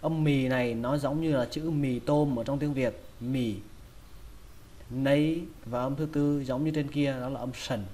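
A man's voice: medium pitch, steady tone, unhurried, dark tone. A man with a Vietnamese accent teaching English vocabulary, patiently repeating each word several times. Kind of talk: pronunciation lesson.

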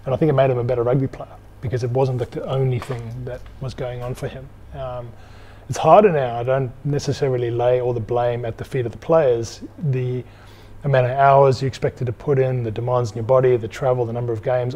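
A man's voice: mid-range voice, dark tone. A man in his thirties from South Africa, speaking reflectively and articulately as an interview guest. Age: 30s. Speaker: interview guest, former professional rugby player. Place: indoors in an empty bar. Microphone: clip-on lapel mic.

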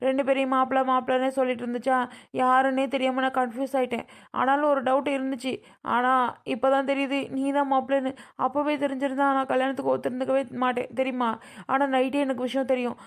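Woman as resentful stubborn bride, high and monotone. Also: fairly quick. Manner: defiant, resentful, complaining. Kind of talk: homemade family drama skit.

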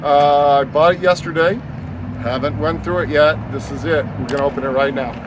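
Middle-aged man, fairly high voice, animated talker, outdoor storage unit, clear background noise. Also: fairly quick. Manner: animated, gesturing, explains with slang like "on tilt". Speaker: storage unit reseller and host. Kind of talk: casual on-camera explaining.

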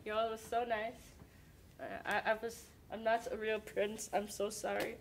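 A woman's voice: fairly high pitch, level tone, normal speed, far from the mic, a little hiss or hum, rough recording. A woman talking hesitantly and stumbling over her words in an improvised comedy skit.

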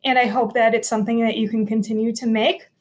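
Her delivery is flat and fast, her voice on the high side, as this thirtysomething teacher hosts a step-by-step cooking video for kids in her home kitchen. She remains cheerful, clear and instructive, caught by a laptop camera across the counter.

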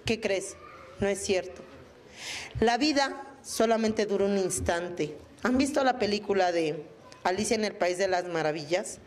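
A woman's voice: mid-range voice, measured pace, slight background noise. A woman with a Mexican Spanish accent giving a testimony talk to a recovery group, crude and joking and full of slang. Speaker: speaker sharing at a recovery meeting.

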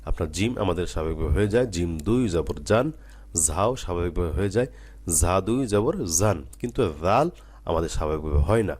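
A man, teaching Quran letter sounds. He drills each sound slowly and repeatedly, then explains at a brisker pace. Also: low-pitched, lively intonation, a little mellow. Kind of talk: slow drilled recitation lesson.

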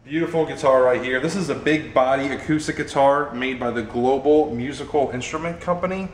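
A young man hosts an auction preview, strolling through a warehouse showroom and presenting the items one by one in an upbeat manner. His mid-range voice moves a little fast over soft background music, and the warehouse sounds echoey with faint ambience.

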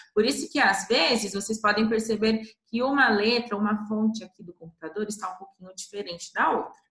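In an echoey room, a woman with a Brazilian Portuguese accent guides first graders through a slow, patient literacy lesson, elongating syllables. Her voice sits on the high side with a sharp tone.

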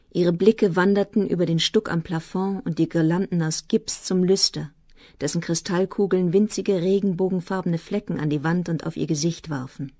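Brief: calm woman narrator, lowish voice, dry close studio read of a novel. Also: no echo. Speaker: audiobook narrator. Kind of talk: literary audiobook narration.

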